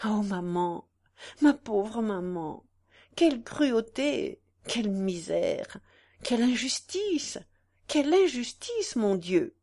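Woman doing a distraught young wife, feverish, high-pitched loud outbursts, swinging pitch, audiobook reading. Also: very animated, slow, heavily acted. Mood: anguished. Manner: anguished, raised and loud outbursts.

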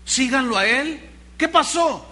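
A fiery male pastor preaches a sermon and hammers his point with rhetorical questions. His voice is very high and bright, and it cuts with force. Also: lively intonation, a little slow.

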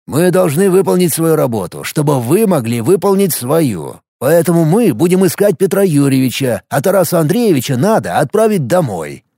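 A man's voice: a little high, big pitch swings, normal speed, few pauses, dark tone, no room sound, studio quality. A man voicing a tired, matter-of-fact male police officer who waves things off. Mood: dismissive. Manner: dismissive, tired.

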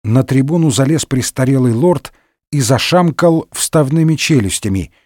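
A man's voice: medium pitch, expressive, moderate pace, a little mellow, no echo. A man reading a comic story aloud in a dry, wry storytelling manner. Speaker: narrator. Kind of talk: comic audiobook narration.

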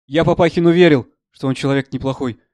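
A man voicing an earnest, brooding young man in an audiobook reading of a play, in plain low-key speech. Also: fast talker, a little mellow, dry recording, close to an everyday voice.

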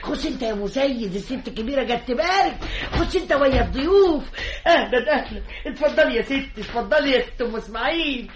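A woman's voice: high-pitched, lively intonation, fast talker, a little hiss or hum. An actress playing an anxious, scolding village mother with an Egyptian accent in a radio drama. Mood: fussing. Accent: Egyptian Arabic.

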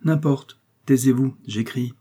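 A man reading the lines of a gentle, scholarly musketeer who speaks softly, slowly and carefully. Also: medium pitch, breathy edge, pitched above the performer's own voice. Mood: measured. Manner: soft, slow and measured.

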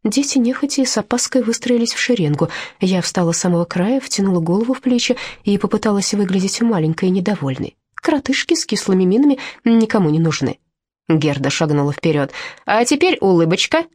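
A woman narrating an audiobook in first person with expressive storytelling. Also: mid-range voice, quick pace, slightly rough, dry recording, clean studio sound.

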